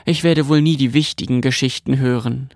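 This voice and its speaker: Little girl in a storybook, eager and impatient, slightly raised gravelly voice, done by a man. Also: medium pitch, steady tone, moderate pace, no room sound, clean studio sound, close to an everyday voice. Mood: wistful.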